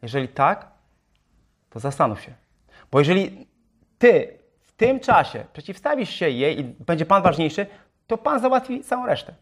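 Animated, talkative male preacher. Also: on the high side, moderate pace, long pauses, breathy edge. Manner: rhetorical questions to the congregation; self-described talker. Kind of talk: sermon.

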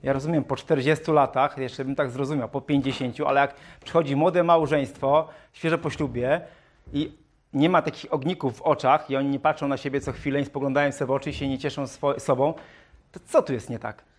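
A man preaching a sermon in a lively way, reading scripture aloud in a raised voice and joking with rhetorical questions. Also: medium pitch, brisk. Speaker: pastor.

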